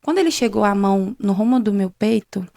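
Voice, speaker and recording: A young adult woman talks through her personal testimony as an interview guest. She tells it conversationally, acting out the quoted exchanges in between. Her voice has a gravelly, fry-tinged texture, and the sound is dry and close with no room echo. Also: medium pitch, lively intonation, a little fast, dark tone. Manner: retells events with many quoted exchanges in a conversational way. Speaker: guest sharing a faith testimony.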